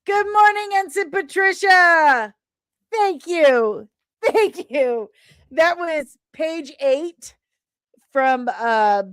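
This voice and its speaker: Hosting a livestream, a woman with a smooth, fairly high voice reads aloud from a comic script she wrote, with a playful, theatrical flair. The studio sound is clean, with no echo.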